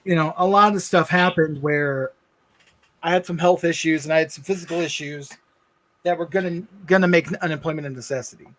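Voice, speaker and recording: A man co-hosting a livestream, telling a personal story in an earnest, halting way with many restarts. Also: fairly high pitch, a bit bright. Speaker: livestream co-host.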